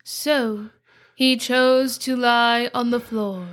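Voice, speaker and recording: Woman playing a hushed, portentous epic fantasy narrator. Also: a little high, steady tone, very slow. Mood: solemn, portentous. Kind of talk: mock-epic trailer narration.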